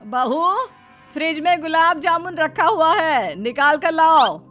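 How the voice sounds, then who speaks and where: A woman voicing a stern, sharp-tongued middle-aged mother-in-law in an animated story, scolding with cutting retorts. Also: very high voice, takes it slowly, soft background music, heavily acted. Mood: sarcastic.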